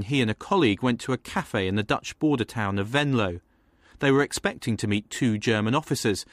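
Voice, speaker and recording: A man giving scripted documentary narration in a measured, even delivery. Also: mid-range voice, dry recording.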